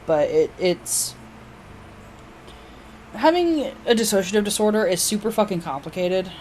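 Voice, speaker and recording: A woman's voice: medium pitch, big pitch swings, unhurried, darkish tone, slight background noise. A woman co-hosting a podcast in casual chat, blunt and swearing freely. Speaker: podcast co-host.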